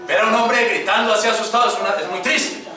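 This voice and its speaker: A man preaching, retelling a Bible passage in a lively way and acting out the people in it. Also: high-pitched, fast talker, soft background music. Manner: lively storytelling with acted quotes. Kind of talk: sermon, Bible passage retold. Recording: echoey room, mic far off.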